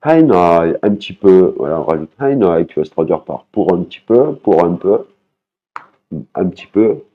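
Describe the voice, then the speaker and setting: A man's voice: deep voice, lively intonation, normal speed, highs cut off. A man teaching a language lesson, patiently repeating words and singing out their tones.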